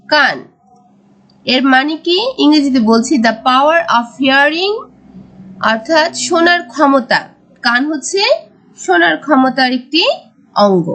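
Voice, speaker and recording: A woman teaching a primary school English lesson, mixing English words with Bengali explanations and drawing words out slowly. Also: high-pitched, a bit bright. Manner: slow, drawn-out word-by-word teaching. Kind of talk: recorded classroom lesson.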